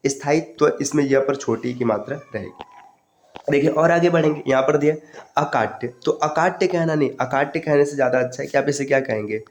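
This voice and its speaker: Speaking in a mid-range voice, this male teacher runs an online exam-prep lesson. He works through correct and incorrect word forms at a steady pace, addressing the students as his friends.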